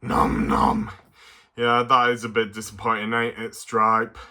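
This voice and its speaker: A man reviews a toy casually on camera, speaking at a medium pitch. His delivery is excitable and playful like a kids' show host, though he often halts and hesitates.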